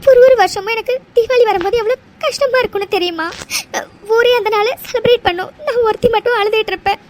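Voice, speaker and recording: A woman voicing a tearful young woman from a children's home in a cartoon love story, crying and answering in halting phrases. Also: very high-pitched, a little hiss or hum. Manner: halting, hesitant replies. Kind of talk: cartoon voice acting.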